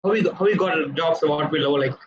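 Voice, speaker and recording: A man with a Telugu accent, a native Telugu speaker, asking an informal audience question haltingly and searching for words. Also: fairly high pitch. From Telugu-speaking south India. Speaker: workshop attendee asking questions. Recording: dull lo-fi connection with loud noise.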